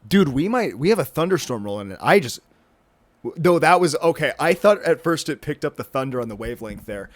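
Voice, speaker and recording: Hosting a solo podcast, a man in his twenties speaks in a slightly high, sing-song voice, a little fast. He rambles and cuts himself off, full of fillers and restarts, casually swearing and calling people "dude" and "bro." He's indoors while a thunderstorm rolls in outside.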